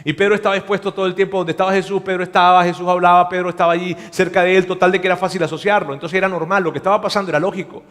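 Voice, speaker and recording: A male pastor preaching a sermon, telling the story in an animated way and acting out the dialogue. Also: high voice, racing, few pauses. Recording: long hall reverb.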